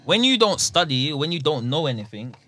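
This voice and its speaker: A man's voice: a little high, big pitch swings, a little fast, fairly bright tone, dry recording. A young man with a London roadman accent chatting on a podcast, emphatically explaining in street slang with rhetorical questions. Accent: London roadman (multicultural London English). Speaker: podcast panellist. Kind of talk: casual podcast chat.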